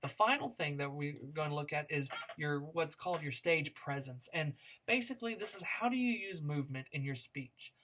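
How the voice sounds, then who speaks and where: Animated and hardly pausing, a male speech instructor talks at normal speed in a recorded lecture. He's conversational, shows his points by changing his speed, pitch and loudness, and uses lots of fillers and restarts.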